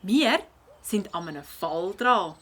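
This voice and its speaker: In a children's audio play, a woman with a Swiss German accent voices a spirited, curious schoolgirl detective, lively and inquisitive. Her pitch sits fairly low, she takes things slowly, and the acting is heavy, with a probing mood.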